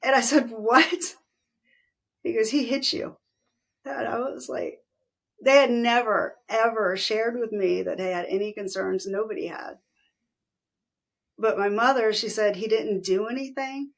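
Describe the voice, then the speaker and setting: Gravelly-voiced woman telling her story. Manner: animated retelling, acting out quoted voices with pitch jumps. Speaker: interview guest. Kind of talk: candid personal storytelling.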